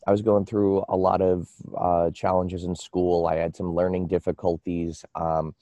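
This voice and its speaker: An American man telling personal stories casually as an interview guest, in a halting, rambling way that often repeats words. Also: sits low, little pitch movement, dark tone, no room sound. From United States.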